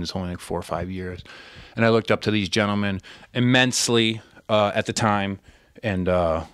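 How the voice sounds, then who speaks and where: A man with a lowish voice hosts a podcast in loose, casual talk, rambling and cursing freely. The sound is close and dry. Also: a bit bright, clear, resonant tone, dry recording. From Connecticut, USA. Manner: laid-back, profane, rambling. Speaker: podcast host.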